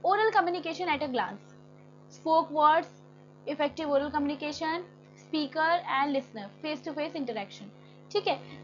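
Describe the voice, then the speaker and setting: High-voiced woman teacher explaining a lesson. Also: highs cut off, a little hiss or hum. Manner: reads textbook lines in English slowly, then explains in casual Hindi. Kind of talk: classroom lecture.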